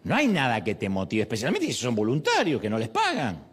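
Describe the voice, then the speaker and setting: Animated Argentine man preaching a sermon. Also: mid-range voice, brisk, breathy edge. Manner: animated storytelling with rhetorical questions. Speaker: pastor. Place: church.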